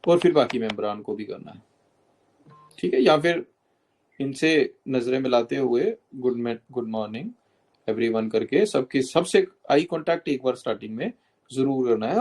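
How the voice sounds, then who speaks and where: A man's voice: mid-range voice, vocal fry, a little mellow. A man coaching students for a job interview, explaining step by step, mixing English terms into Hindi and often checking in with "okay?".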